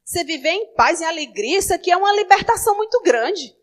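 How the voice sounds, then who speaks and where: A woman pastor preaches in a high voice. She talks to the congregation like a conversation, dropping to quiet asides and then rising into emphatic calls. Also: lively intonation, quick pace, rough recording. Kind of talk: sermon.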